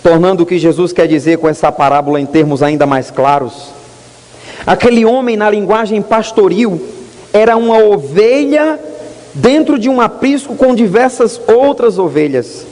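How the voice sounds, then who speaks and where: A male pastor preaching an earnest sermon in a church, stressing words slowly. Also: high voice, darkish tone. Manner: earnest preaching, rising emphasis and slow drawn-out stresses. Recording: long hall reverb.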